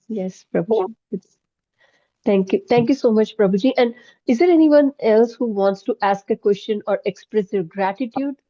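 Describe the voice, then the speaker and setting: A woman's voice: medium pitch, dark tone, dry recording, highs cut off. A woman hosting an online spiritual forum over a video call, polite and gracious, full of thanks. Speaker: forum host. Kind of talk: moderating an online session.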